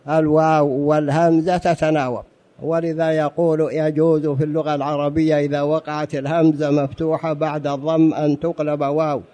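A man's voice: fairly high pitch, dark tone. A man giving a religious lesson on jurisprudence, explaining patiently, repeating key phrases and asking the audience rhetorical questions. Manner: explanatory, addresses the audience as brothers. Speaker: religious teacher.

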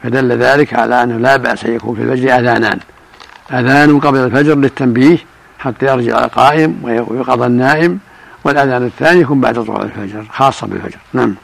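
An older man, a religious scholar, answering questions in a measured, explanatory way. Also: mid-range voice, vocal fry. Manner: measured, explanatory, chants call-to-prayer examples.

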